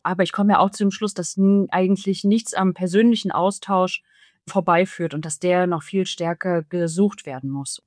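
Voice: medium pitch, steady tone, moderate pace, dry recording, clean studio sound. An author and journalist in their thirties from eastern Germany, giving long, talkative interview answers full of hedging fillers. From Mecklenburg-Vorpommern, eastern Germany.

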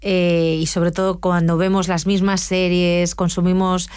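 Smooth-voiced woman radio host. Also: lowish voice, little pitch movement, a little slow, darkish tone, no echo, studio quality. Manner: engaged, asks questions and affirms. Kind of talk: radio interview.

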